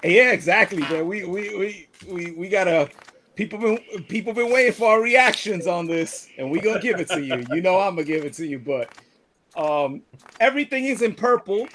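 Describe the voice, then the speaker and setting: Excitable, laughing middle-aged male host. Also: sits high, moderate pace, a little hiss or hum. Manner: excitable and laughing, trash-talking, repeats and restarts words. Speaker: sports talk show host. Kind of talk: casual sports chat, livestream.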